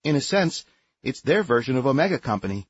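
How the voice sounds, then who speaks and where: A man voicing a calm, sensible female adjutant who explains things patiently. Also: medium pitch, a little fast, husky, lo-fi sound, voice pushed up.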